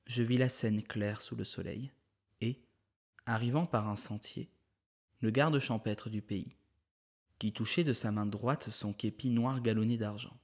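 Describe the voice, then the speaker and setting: A man narrating a short story in a measured, even literary reading. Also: fairly low pitch.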